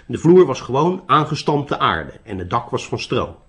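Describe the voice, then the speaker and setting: A man narrating a storybook tale in an expressive reading voice. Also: medium pitch, normal speed.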